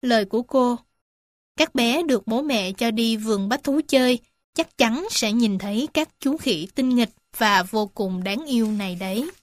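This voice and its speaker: A woman reading animal stories and facts aloud to young children, gentle and addressing them warmly as little ones. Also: on the high side, normal speed, dry recording, clean studio sound. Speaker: storyteller for children. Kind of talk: children's storybook narration.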